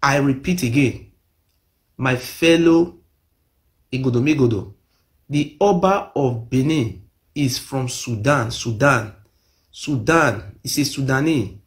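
A middle-aged Nigerian man, recording himself on a phone or webcam close to his face in a small room, repeats his claims insistently in an impassioned monologue. He has a Nigerian accent and a medium-pitched voice, and he takes it slowly, pausing often while speaking emphatically.

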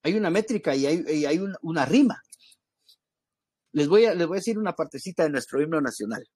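A man's voice: fairly high pitch, lively intonation, fairly quick, a little mellow, slightly rough, dry recording. A man giving an informal Bible class, talking conversationally to his listeners as brothers, with frequent restarts and asides. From Guatemala. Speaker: ministry school teacher.

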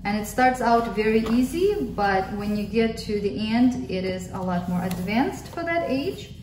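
A Russian woman in her thirties, speaking with a Russian accent, gives a friendly, casual flip-through review of homeschool workbooks as a mother, often repeating words for emphasis. Her voice is medium-pitched, measured, and darkish in tone. She's at a table indoors, recorded roomy and from a distant mic with faint hiss.

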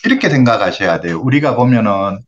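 60s guy counselor, patient explaining, lively up and down voice, bit muffled audio. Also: on the low side, fast, over music. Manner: patient, explanatory, acts out example phrases. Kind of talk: phone counseling advice.

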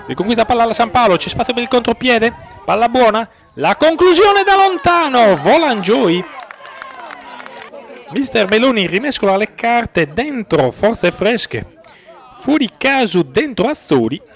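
A man giving excitable sports commentary on a youth football match as its commentator. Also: sits high, moderate pace, creaky, some chatter behind. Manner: excitable, swells on chances and goals. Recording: dull lo-fi audio, faint music.

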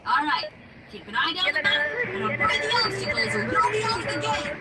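A woman's voice: very high voice, lively intonation, fairly quick, a loud crowd, heavy background noise. A woman voicing a chirpy, cheerful female robot tour guide in a game, who talks in upbeat surfer slang and calls the player "human". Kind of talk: game character dialogue.

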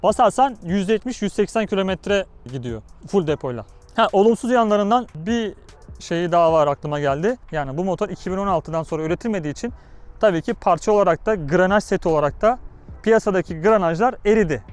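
High-pitched man talking inside a helmet. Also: lively intonation, fast. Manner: informal, slangy, explanatory, with rhetorical questions. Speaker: motorcycle vlogger reviewing his bike. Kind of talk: casual motovlog commentary while riding. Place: outdoors on a motorcycle in city traffic, speaking inside a helmet.

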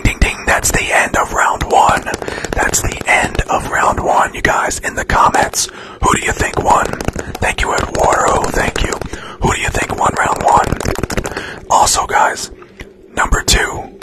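A man whispering through a chaotic ASMR livestream, chatting and thanking viewers for gifts. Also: poor audio. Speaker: livestream host.

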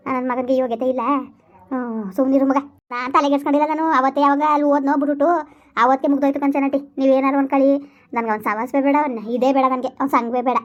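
A woman playing a loud, bitter village woman in a comedy skit, scolding and wailing. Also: high voice, flat delivery, very fast, muffled recording, lightly acted. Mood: quarrelsome. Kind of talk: rural comedy skit acting.

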